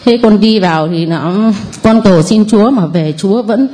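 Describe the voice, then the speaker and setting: A woman's voice: medium pitch, normal speed, warm tone. Northern vietnamese lady in her 40s, nervous, rambling on, very deferential. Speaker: parishioner giving testimony. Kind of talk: spoken testimony.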